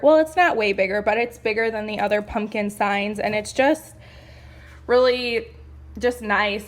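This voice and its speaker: A young woman chatting excitedly through a home decor haul, gushing and a little out of breath. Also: medium pitch. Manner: gushing, chatty, lots of "like" and "you guys". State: a bit out of breath. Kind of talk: casual haul video.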